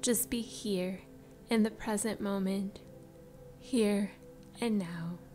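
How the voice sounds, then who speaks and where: Soft, whispery woman guiding meditation, slow. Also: mid-range voice, steady tone. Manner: soft, breathy, soothing spa voice trailing into whispers. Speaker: meditation guide. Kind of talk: slow guided meditation narration. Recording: music behind the voice. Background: background music.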